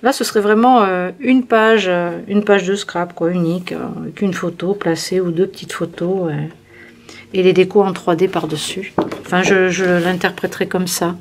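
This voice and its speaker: A woman's voice: fairly low pitch, steady tone, moderate pace, slight background noise. A woman hosting a craft channel, chatting casually through a product review with many fillers and restarts. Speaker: scrapbooking channel host.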